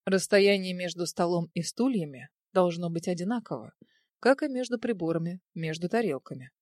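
A woman's voice: fairly low pitch, moderate pace, darkish tone, no room sound, voice pushed down, close to an everyday voice. Lecturing, smug manservant, as a woman reader puts him on, dry close sound. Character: pompous male butler obsessed with etiquette.

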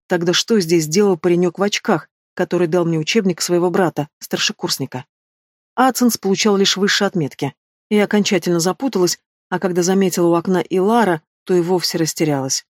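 A woman narrating a first-person storybook in a steady, measured reading. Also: on the low side, no room sound, studio quality. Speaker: audiobook narrator.

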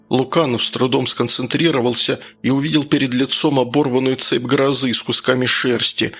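Gravelly male audiobook narrator. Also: medium pitch, fairly bright tone. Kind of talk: scripted narration. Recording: audiobook with faint music.

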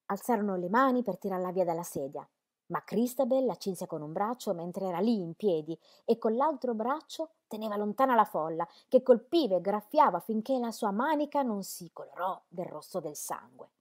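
A young woman reading an autobiography aloud as an expressive audiobook, turning dramatic and nearly shouting when she voices quoted cries. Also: medium pitch, normal speed. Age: young adult. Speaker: reader of an autobiography.

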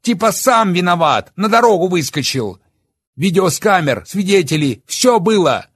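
A man voicing a furious, bitter young man who shouts and sneers. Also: sits high, sing-song, normal speed, slightly rough, no echo, voice pushed up, full character voice. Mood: raging. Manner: shouting, raging, bitter sarcasm.

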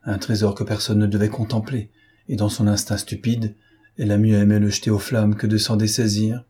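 A suave gentleman thief who mocks his captors with breezy confidence, voiced by a male reader. His tone stays low and husky, with a dark, mellow timbre. It is an audiobook reading. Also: little pitch movement, brisk. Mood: ironic. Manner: mocking, breezy. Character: gentleman thief, ironic, self-assured, suave.

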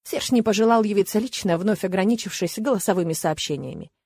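A woman narrating a first-person fantasy audiobook with expressive, lively storytelling. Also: mid-range voice, quick pace, slightly rough, no echo.

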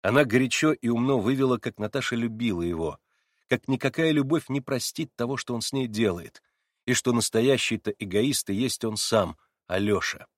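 A man reading a classic novel aloud in measured, even literary narration. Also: mid-range voice, no room sound, clean studio sound. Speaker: audiobook reader.

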